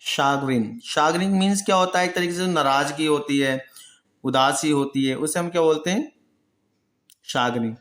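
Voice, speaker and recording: A man teaching pronunciation with a slightly high voice. He asks his students a question, answers it himself, and says each word again slowly. The room around him is echoey. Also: fairly even intonation, a bit bright. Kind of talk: Hindi-language vocabulary lesson.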